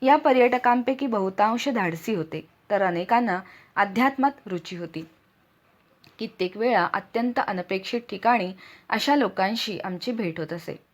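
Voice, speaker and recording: A woman reading a first-person audiobook aloud with expressive, dramatic storytelling. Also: medium pitch, moderate pace. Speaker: audiobook narrator.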